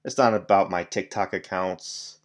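A man's voice: low-pitched, steady tone, moderate pace. A man hosting a solo podcast, rambling casually with lots of fillers, restarts and offhand swearing. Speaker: podcast host.

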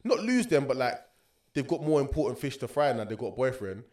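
Young london roadman guy, talks really fast, slangy casual podcast chat, opinionated. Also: mid-range voice, big pitch swings, darkish tone. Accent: London, urban roadman slang. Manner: slangy, opinionated, frequent tag questions like a street talker. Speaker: podcast co-host.

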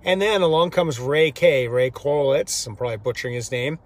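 A man's voice: medium pitch, expressive, moderate pace. A man in his fifties from Georgia in the US, telling a story to a handheld camera outdoors in front of his house, in a rambling, chatty way full of fillers and self-corrections. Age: 50s. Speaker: vlogger. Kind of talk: casual first-person storytelling to camera. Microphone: handheld camera held by the speaker. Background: faint street and construction noise.

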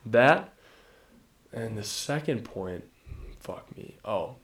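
A man's voice: fairly low pitch, expressive, takes it slowly. A man co-hosting a casual podcast about a movie, rambling, swearing casually and trailing off mid-sentence. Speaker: podcast co-host. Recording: roomy echo.

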